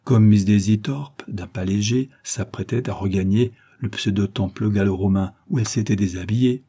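A man reads a classic novel aloud with theatrical, expressive storytelling. His voice is low-pitched, mellow and dark, with a husky edge. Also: normal speed. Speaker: audiobook reader. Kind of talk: scripted narration of a classic novel.

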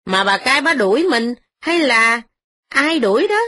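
A woman's voice: on the high side, expressive, a little slow, sharp tone, voice pushed up, exaggerated voice. A woman voicing an indignant poor peasant wife who scolds in bursts.

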